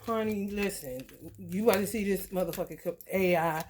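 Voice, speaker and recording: A woman ranting to her viewers in a blunt, profane, animated storytelling way. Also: medium pitch, brisk, slight background noise. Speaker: vlogger. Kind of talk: profane rant to camera.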